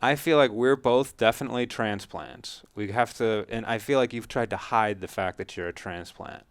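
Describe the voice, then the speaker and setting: A man's voice: lowish voice, normal speed, smooth, dry recording. A man from Colorado, co-hosting a podcast in casual chat, teasing and laughing often. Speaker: podcast co-host.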